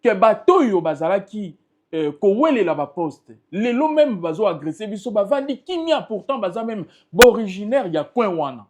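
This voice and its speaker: A male interview guest, a political party spokesperson with a Congolese French accent, delivers emphatic, impassioned remarks. His high, darkish voice has a sing-song lilt at a normal speed.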